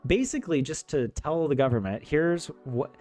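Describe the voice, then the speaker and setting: A young American streamer who teaches Finnish talks casually about life abroad in a fairly high, a little mellow voice with lively intonation and a moderate pace. He jokes and laughs often, using fillers and restarts, over faint video game music.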